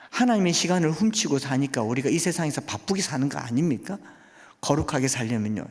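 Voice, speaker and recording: A man's voice: on the high side, darkish tone. A male guest pastor preaching a sermon in a church, pressing his congregation with rhetorical questions. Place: church sanctuary. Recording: long church hall reverb.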